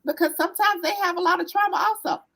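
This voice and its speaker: A woman with a Southern US accent, a therapist guest answering interview questions in earnest conversational talk, often pausing on "um" and checking in with "right?". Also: very high-pitched, fairly even intonation, poor audio. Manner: earnest, warm storytelling with frequent "um" and "right?". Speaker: therapist, business owner guest.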